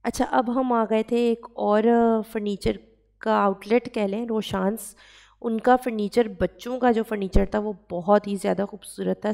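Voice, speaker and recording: A chatty woman in her thirties with a Pakistani accent, narrating a home vlog in a relaxed, conversational voice-over. Her voice has a gravelly edge, and she sits at a middle pitch for a woman. She often pauses on "uh" and slips English words into her talk. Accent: Pakistani Urdu. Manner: chatty, with frequent "uh" fillers and English words mixed in. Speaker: vlogger.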